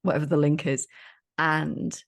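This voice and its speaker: A woman's voice: deep voice, steady tone, normal speed, creaky. A woman co-hosting a podcast, chatting in a jokey, enthusiastic way. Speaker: podcast co-host. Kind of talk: casual chat.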